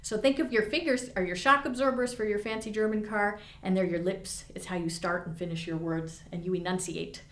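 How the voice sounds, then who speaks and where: Woman viola teacher, mid-pitched, encouraging and descriptive, roomy studio sound. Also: steady tone, brisk, hardly any pauses, a bit bright. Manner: encouraging, explains with imagery. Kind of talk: instructional lesson with demonstration. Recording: echoey room.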